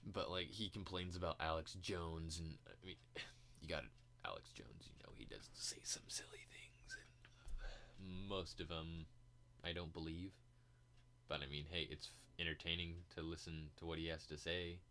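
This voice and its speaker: A male podcast host with a very deep, low voice talks off the cuff. He rambles and hesitates, restarting thoughts and swearing freely as he goes. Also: normal speed, sharp tone, slight background noise. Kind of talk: casual podcast monologue.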